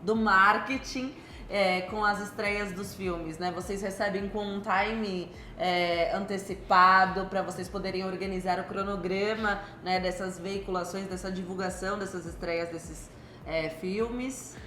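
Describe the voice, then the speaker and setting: A woman with a Brazilian Portuguese accent, a podcast host asking questions in a measured way, searching for words. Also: mid-range voice, steady tone, bright, forceful tone. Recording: echoey room with faint noise.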